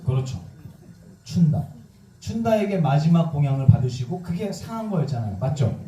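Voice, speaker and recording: A man's voice: fairly high pitch, normal speed, recorded from a distance, lo-fi sound. A man, a Buddhist monk, giving a sermon with questions to the audience, acting out quoted voices and joking, in an echoey temple hall a little off the mic. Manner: lively, acts out quoted voices and jokes.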